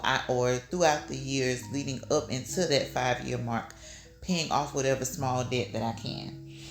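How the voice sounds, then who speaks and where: A woman in her thirties chats through her personal goals in a relaxed, filler-heavy way. Her voice sits in a roomy, echoey space. Music plays clearly behind her. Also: very deep voice. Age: 30s. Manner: chatty, filler-heavy, upbeat with laughs. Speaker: vlogger. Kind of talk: casual personal chat.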